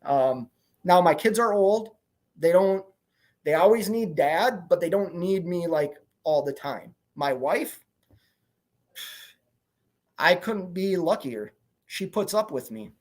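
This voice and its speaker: His voice sits high and expressive, moving slowly with long pauses. He's a forty-something truck owner-operator rambling candidly on a livestream, reading viewer comments and repeating "you know what I mean."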